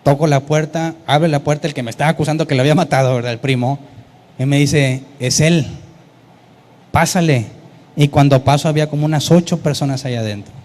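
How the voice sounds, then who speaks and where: A man, preaching a sermon and telling a story with lively, acted-out voices. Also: fairly high pitch, quick pace. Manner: animated storytelling, acting out quoted voices. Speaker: pastor.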